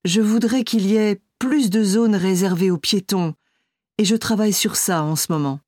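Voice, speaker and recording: A woman's voice: medium pitch, moderate pace, darkish tone, dry recording, clean studio sound, natural voice. A woman playing a composed architect. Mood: calm. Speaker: architect being interviewed. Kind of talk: scripted exam listening dialogue.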